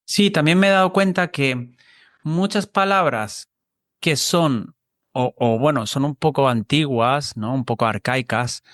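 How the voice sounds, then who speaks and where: A man's voice: mid-range voice, measured pace, fairly bright tone. A man hosting an interview. He is a Spanish teacher and talks hesitantly, with many fillers and tag questions. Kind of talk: casual interview chat.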